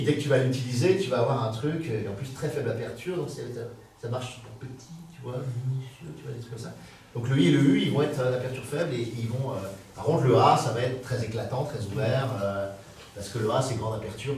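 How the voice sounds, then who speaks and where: A man giving a public talk, explaining with animated energy and sounding out consonants and vowels to show what he means. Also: medium pitch, slight background noise. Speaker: guest author. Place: public hall. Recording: very echoey hall from far off.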